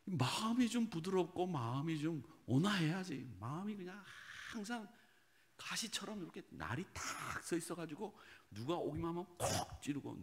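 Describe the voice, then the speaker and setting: A man preaching a sermon as pastor, animated and talking straight to his congregation, dropping at times to hushed asides. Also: a little high. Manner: animated, swings from loud exhortation to hushed whispered asides; talks directly to the congregation with questions. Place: church sanctuary.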